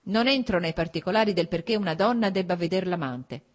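Woman reader playing a rigid, icy husband; shrill, harsh, formal. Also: brisk, natural voice. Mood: cold. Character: cold stern middle-aged husband, shrill when angry.

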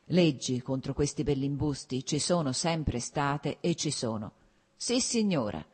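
A woman reading a gruff teasing old prince. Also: low voice, warm tone, heavily acted. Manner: wry, then blustering.

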